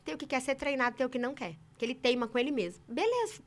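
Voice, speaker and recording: A woman from Brazil telling sales stories in a casual interview, emphatic and animated. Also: high voice. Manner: animated, emphatic, quick talker. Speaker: saleswoman guest.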